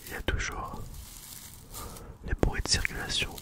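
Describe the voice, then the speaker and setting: An ASMR host chatting casually in a breathy, unvoiced whisper, slowly repeating words and phrases. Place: at home, sitting on the floor.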